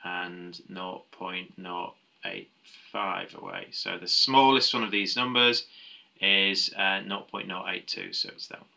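A man's voice: sits low, fairly even intonation, measured pace, vocal fry, sharp tone, highs cut off. A man working through a maths challenge paper step by step, thinking aloud with frequent ums and small restarts. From United Kingdom. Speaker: maths tutor.

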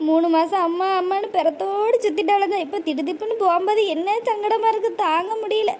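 A woman voicing a doting, tearful old village mother, speaking softly and plaintively. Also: very high-pitched, fast talker, a little hiss or hum. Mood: sorrowful. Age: older. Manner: pleading, soft and plaintive. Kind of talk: cartoon voice acting.

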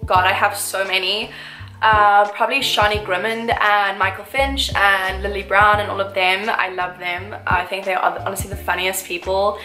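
A native English-speaking woman in her twenties sits in an armchair in a small room, chatting to camera for a get-to-know-me vlog. Her mid-range voice is pushed and bright, steady at a moderate pace, gushing and full of fillers. The camera mic at medium framing gives a roomy echo, with faint music.

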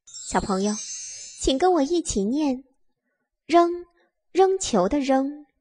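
A woman's voice: high-pitched, very animated, takes it slowly, a little mellow, soft background music. A woman narrating a scripted lesson for small children, simply and in a singsong way as if reading to a toddler, repeating words for listeners to follow. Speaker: children's literacy teacher and narrator.

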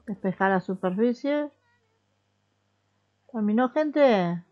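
Young Rioplatense woman streamer, easygoing running commentary, middle pitch, slightly dull sound. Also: animated, takes it slowly, dark tone. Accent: Rioplatense Spanish. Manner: chatty, talks to herself and the game characters. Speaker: gaming streamer. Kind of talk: casual gameplay commentary.

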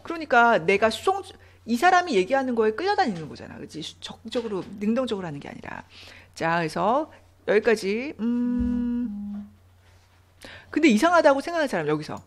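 A woman's voice: fairly high pitch, big pitch swings, fast. A woman English teacher explaining reading passages and grammar step by step, asking her students questions as she goes. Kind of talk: online English reading lesson.

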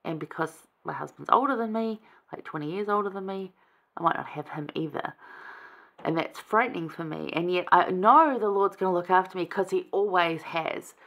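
A woman's voice: on the low side, normal speed, dull audio. Chatty woman teaching scripture. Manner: chatty, conversational, enthusiastic. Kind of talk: casual scripture lesson.

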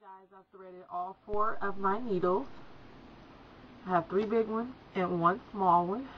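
A young woman who has a slight cold gives a chatty hair how-to from a small indoor room by a folding screen, addressing her viewers as "guys." She speaks a little slowly in a mid-range voice. The lo-fi recording is dull, with music and slight background noise.

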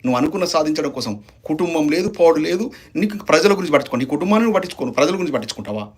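A man's voice: on the high side, expressive, rapid-fire, husky. A man giving a heated political statement, firing off accusations and rhetorical questions. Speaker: opposition party leader.

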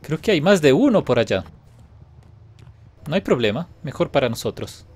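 A man giving playful, taunting live commentary while playing a game, now and then breaking into excited laughter. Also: a little high, moderate pace. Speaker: gaming video host.

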